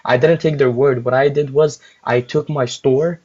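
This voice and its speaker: A man's voice: mid-range voice, steady tone, normal speed, darkish tone. A young man chatting casually on a livestream as a guest store owner, rambling with lots of filler words while chewing gum. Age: young adult. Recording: muffled lo-fi audio.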